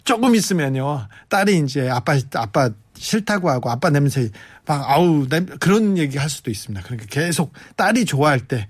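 A middle-aged man hosting a live radio show, chatting casually as he reads out listener messages, swinging between excited bursts and softer asides. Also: on the high side, moderate pace, hardly any pauses, slightly rough, no echo, clean studio sound.

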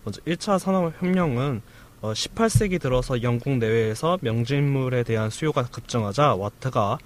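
A man, a podcast guest, reading a prepared explainer in a stiff, flat, robot-like voice. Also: medium pitch.

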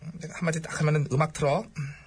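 A man playing a vain, short-tempered monarch in a comedy sketch, bossy and petulant, with a husky voice. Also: on the high side, fairly even intonation, racing, pitched below the performer's own voice. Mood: pompous. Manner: bossy, petulant, bursts into irritated outbursts. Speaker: comedy show host.

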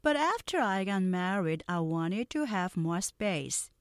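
Female pronunciation teacher, slow and expressive, dry close-mic recording. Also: mid-range voice, no room sound. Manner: slow, careful drills spoken for learners to repeat; switches between explaining and modeling phrases. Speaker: English teacher. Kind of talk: English pronunciation lesson.

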